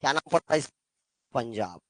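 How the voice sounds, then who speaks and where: With a medium pitch, lively intonation, and normal speed, a male teacher with a Chhattisgarh Hindi accent teaches geography in a dry recording. He quizzes the class through call-and-response questions, calling his students "beta."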